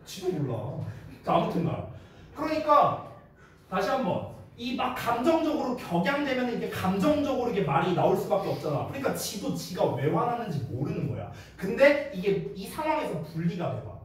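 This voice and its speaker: Man, English teacher, high animated voice, roomy echo, mic set back. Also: brisk. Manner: casual, teasing, checks in with students often. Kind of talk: exam-prep lecture. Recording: echoey room, mic at a distance.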